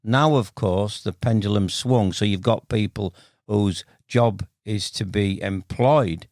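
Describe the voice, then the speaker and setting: A man's voice: fairly low pitch, takes it slowly, a little mellow, no echo, studio quality. A man in his sixties from Bradford with a Yorkshire accent, chatting and telling stories as an interview guest in a blunt, matey, colloquial way. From Bradford, Yorkshire, northern England. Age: 60s. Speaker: podcast guest, veteran carp angler. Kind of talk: casual interview storytelling.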